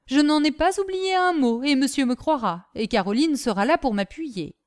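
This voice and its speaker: Simple, blunt young manservant, read by a woman; eager indignant chatter, lively lilt. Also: high-pitched, normal speed. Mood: defiant. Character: simple-minded, blunt young male servant.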